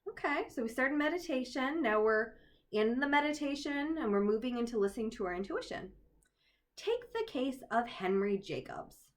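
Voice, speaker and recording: A woman's voice: a little high, big pitch swings, moderate pace. A woman reading aloud and guiding a meditation in a casual way, joking between passages and laughing at her own asides. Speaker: oracle card reader and storyteller.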